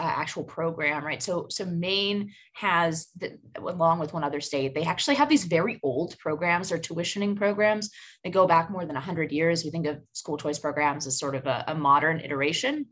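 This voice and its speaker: A woman's voice: on the low side, lively intonation, moderate pace, a bit bright. A woman on a podcast panel giving background on a topic, explaining with some hesitant starts. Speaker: podcast co-host.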